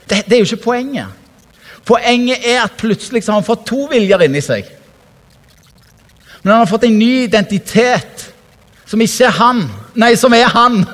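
Animated man preaching in a reverberant hall. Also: high voice. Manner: animated, conversational, laughs often, acts out quotes. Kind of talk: lively sermon.

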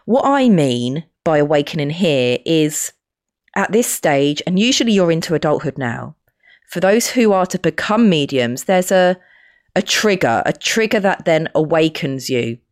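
A woman podcast host with a London accent speaks in a low register. Her voice is froggy and croaky, stuffed up with a cold. She explains her subject in a conversational monologue. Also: expressive, unhurried. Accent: London English. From West London, England. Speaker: podcast host and spiritual medium.

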